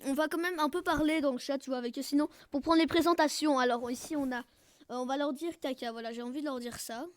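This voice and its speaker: A woman giving casual, jokey gameplay commentary who keeps bursting into loud shouts and cries. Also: high-pitched, steady tone, fast talker, dry recording. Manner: jokey, self-mocking. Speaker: gaming video creator.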